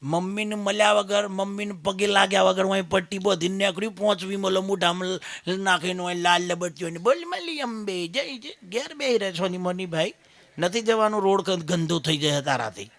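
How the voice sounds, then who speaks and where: High, bright-voiced Gujarati preacher man. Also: gravelly, no echo. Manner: preachy, swings between loud exhortation and low asides; chants verses slowly. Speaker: spiritual leader giving a satsang discourse. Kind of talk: Gujarati devotional sermon.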